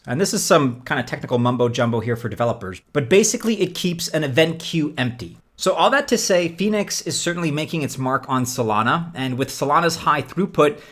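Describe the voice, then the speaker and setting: A man's voice: mid-range voice, fairly bright tone. A man hosting a scripted explainer video, speaking like a presenter with conversational, casual asides. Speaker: host of a crypto investing video.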